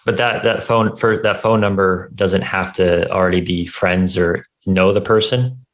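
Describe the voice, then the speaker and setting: A man's voice: low voice, steady tone, a little slow, a bit bright. A man hosting an interview show, talking in an informal, conversational way. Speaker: show host. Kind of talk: casual interview chat.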